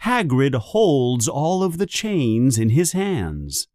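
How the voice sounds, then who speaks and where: Very slow, expressive male storyteller. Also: mid-range voice, dry recording, clean studio sound. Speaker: narrator.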